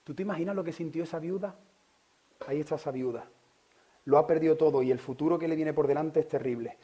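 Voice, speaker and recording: A man from Spain preaching a sermon, asking the listeners direct questions and swinging from loud preaching to hushed whispers. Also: fairly high pitch, quick pace. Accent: Spain Spanish. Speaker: pastor.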